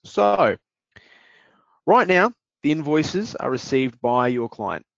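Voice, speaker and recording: A man who works as a business development manager presents a webinar demo, explaining in a measured way with some fillers. His voice is fairly high, very animated and creaky, with no room sound, captured as dry, dull lo-fi audio.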